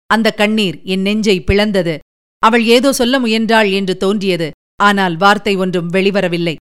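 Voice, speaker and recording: A woman narrating a novel in a measured, deliberate storytelling manner. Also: mid-range voice, smooth. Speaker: audiobook narrator.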